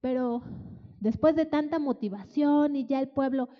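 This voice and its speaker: A woman preaches with animated energy and playful asides, and her voice sits high. A long hall reverb trails her words, and the recording sounds dull and muffled. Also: normal speed. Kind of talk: lively sermon.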